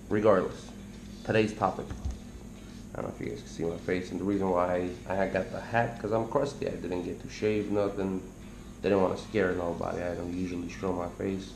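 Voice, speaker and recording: Man, very deep, gravelly, casual rambling tutorial, echoey kitchen, noisy background. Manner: rambling, relaxed, explains as he goes. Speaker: fishing channel host. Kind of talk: casual tutorial talk to camera. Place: indoors at a kitchen table by a window. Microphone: camera on the table close to him. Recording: echoey room with background noise.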